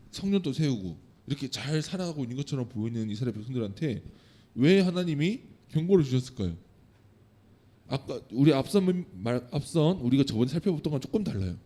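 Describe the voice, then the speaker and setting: A man's voice: fairly high pitch, mellow, slightly rough. A man giving a sermon to children, asking them questions and answering them himself. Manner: acts out quoted lines of God and the people. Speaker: children's pastor.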